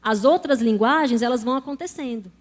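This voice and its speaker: A woman's voice: on the high side, a little fast. A Brazilian woman preaching in Portuguese to a congregation, telling her own testimony in a conversational way and speaking to them directly. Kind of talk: sermon with personal testimony.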